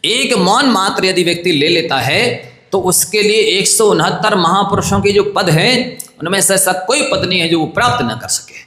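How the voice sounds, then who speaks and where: A man's voice: high-pitched, expressive, normal speed, hardly any pauses, bright, forceful tone. Earnest preaching man in an echoey hall. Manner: earnest, coaxing, asks the audience questions. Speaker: Jain monk preacher. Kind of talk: sermon.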